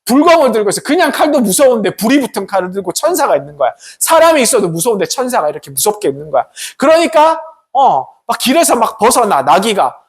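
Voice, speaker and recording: A man preaching a lively story sermon to students, often asking them questions. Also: sits high, fast, husky. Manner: animated storytelling with questions to the audience. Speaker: pastor.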